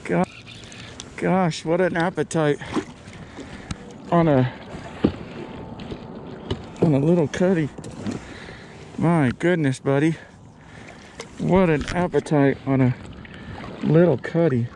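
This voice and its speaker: Brief: slow-talking, fairly high-voiced man, casual fishing vlog commentary, outdoor camera audio with steady wind and water noise. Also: creaky. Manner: upbeat, repeats words while landing fish. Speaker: fly fishing vlogger. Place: outdoors on a lake in a small boat.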